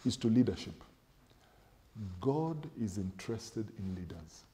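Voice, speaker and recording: Interviewed on a TV studio set with sofas, this middle-aged pastor speaks into a lapel mic in a measured, emphatic preaching manner, stacking points in lists and quoting scripture. His voice is lowish, expressive, and mellow, with a little background noise.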